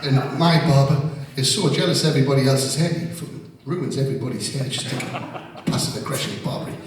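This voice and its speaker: A singer-songwriter from North East England, speaking with a Geordie accent, tells rambling, sweary anecdotes between songs on stage at a live music venue. His mid-range voice is fairly quick, picked up by a distant mic in an echoey hall.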